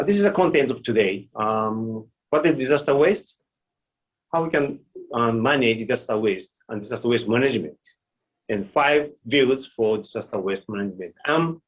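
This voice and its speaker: A man, giving an online lecture with slides, halting and full of fillers. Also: medium pitch. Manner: halting, many fillers and restarts. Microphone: video call. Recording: muffled video call audio.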